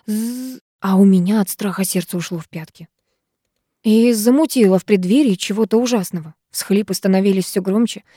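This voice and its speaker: Mellow woman reading an audiobook. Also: medium pitch, normal speed, slightly rough, no echo, clean studio sound. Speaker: audiobook narrator. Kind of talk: first-person audiobook narration.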